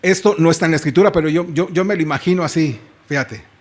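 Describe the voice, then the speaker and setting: A Mexican pastor preaches in a church with a high-pitched voice. He tells the story dramatically, stopping to put questions to his listeners. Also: very fast, a little mellow. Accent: Mexican Spanish. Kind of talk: sermon.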